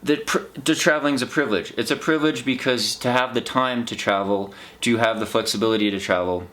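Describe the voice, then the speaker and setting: A man's voice: mid-range voice, a little fast, fairly bright tone. An American man talking in a casual, unscripted vlog monologue, rambling in a reflective, earnest way. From United States. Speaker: vlog host, trail runner.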